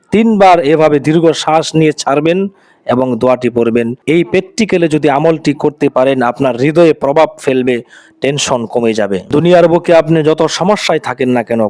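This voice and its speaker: A man's voice: mid-range voice, darkish tone, no room sound. A man presenting an Islamic devotional video, speaking to viewers in an earnest, reassuring, preacher-like way.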